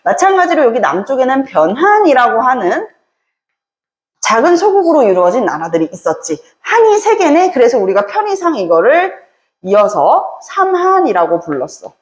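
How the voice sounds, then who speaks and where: A woman teaching a history lesson, telling the story with lively acted-out dialogue between characters. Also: high-pitched, normal speed. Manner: lively storytelling, acting out characters in quoted voices. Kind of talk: animated classroom lecture with acted-out dialogue. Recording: echoey room.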